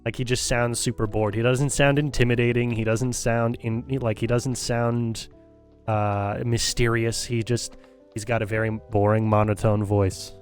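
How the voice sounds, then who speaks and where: A man's voice: mid-range voice, level tone, measured pace, soft background music. Opinionated male streamer ranting casually. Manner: repeats and restarts phrases while thinking. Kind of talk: casual livestream commentary.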